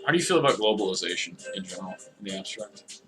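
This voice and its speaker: A man's voice: deep voice, animated, very fast, music in the background. A man casually commentating on a video game, rambling and ironic, often cutting himself off mid-sentence. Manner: rambling, ironic, self-interrupting. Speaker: let's play host.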